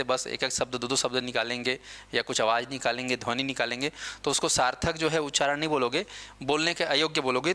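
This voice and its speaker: A man's voice: on the high side, sharp tone. A male teacher giving a lecture, asking his class questions and answering them himself, with English words mixed in. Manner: asks questions and answers them himself, repeats key points.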